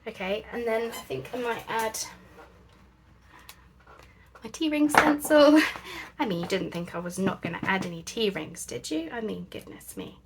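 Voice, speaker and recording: A woman's voice: medium pitch, moderate pace, creaky, noisy background. A woman chatting casually as she works on a craft project, thinking aloud with lots of fillers. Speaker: crafting channel host.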